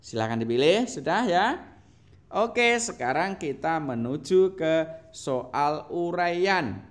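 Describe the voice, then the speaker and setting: Young male teacher, slightly high voice, very slow and patient, reads quiz options with rising question tones. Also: expressive. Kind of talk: reading quiz questions to pupils.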